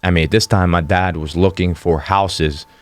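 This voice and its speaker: A young man in his twenties from western Pennsylvania, a podcast guest talking about himself in a matter-of-fact way. His voice is very low and flat but smooth and clear, and the recording is dry and close. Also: normal speed, no room sound. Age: 20s. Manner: plain, matter-of-fact storytelling. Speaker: guest, fighter. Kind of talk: casual interview.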